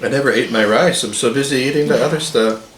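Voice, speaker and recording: A man's voice: medium pitch, fast talker, fairly bright tone. A man in his forties, a father chatting casually and playfully while eating with his family on camera. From United States. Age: 40s. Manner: playful, joking, praises the food. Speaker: father in a family food vlog. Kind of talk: casual mealtime chat on camera. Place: home dining table. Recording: roomy home room with faint noise.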